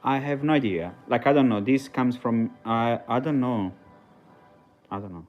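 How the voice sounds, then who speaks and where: A man's voice: mid-range voice, normal speed, dull audio, faint music behind. A man from Italy, talking casually on a livestream in a hesitant, rambling way full of fillers and restarts. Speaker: livestream host.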